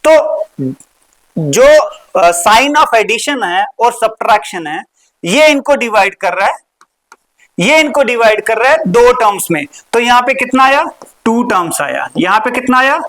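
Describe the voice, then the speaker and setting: A woman teaching a maths lesson. She asks questions, answers them herself, repeats key words and slows down on the important terms. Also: on the high side, lively intonation, fairly bright tone, low-quality recording. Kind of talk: recorded classroom lesson.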